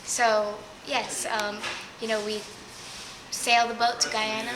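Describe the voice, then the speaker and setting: A woman from New York being interviewed, speaking in a measured, thoughtful way. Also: on the high side, flat delivery, crowd noise. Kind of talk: casual interview. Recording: echoey room, party noise with dishes.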